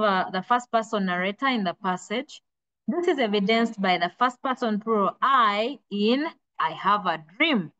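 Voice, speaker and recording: A woman teaching a literature revision lesson, earnest and steady, often repeating a word while she thinks and drawing key words out slowly. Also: mid-range voice. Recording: dull lo-fi recording.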